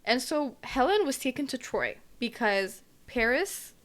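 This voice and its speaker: A podcast co-host chats casually, retelling an old story in a rambling way full of hedges and fillers. Her voice sits high with big pitch swings and a fairly bright tone, and she speaks unhurriedly.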